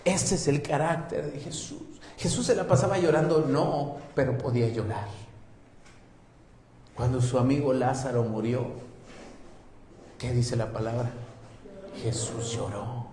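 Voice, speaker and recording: A man with a Mexican accent preaching a sermon as pastor, moving between loud emphatic passages and soft hushed ones. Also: mid-range voice, a little slow, long pauses, echoey room, a little hiss or hum. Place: church.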